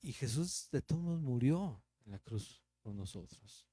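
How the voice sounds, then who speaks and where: A man's voice: mid-range voice, animated, measured pace, warm tone, breathy edge, dry recording. A man with a Mexican Spanish accent teaching the Bible verse by verse as a pastor, in a conversational preaching manner with rhetorical questions.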